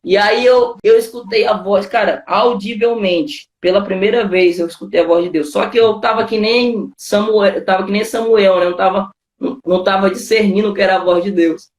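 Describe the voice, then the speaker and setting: Speaking with a Brazilian accent, a man who is a pastor recounts his testimony casually, his informal storytelling peppered with "cara" and "né." His high voice holds a steady tone at a moderate pace with few pauses, and the audio is reverberant.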